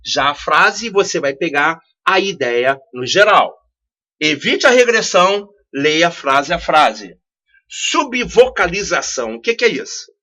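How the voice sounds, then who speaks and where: Somewhat slow but very animated, a man with a fairly high, sharp voice teaches a study lesson in a classroom-style video. He asks rhetorical questions and repeats key phrases to explain. The audio is dull and lo-fi.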